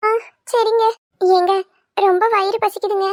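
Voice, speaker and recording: A woman's voice: very high voice, steady tone, a little slow, a little mellow, no echo, clean studio sound. A woman doing a sugary scheming young wife. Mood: wheedling. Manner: wheedling, pleading, sugary. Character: cunning young wife, sweet-talking schemer. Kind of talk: cartoon voice acting.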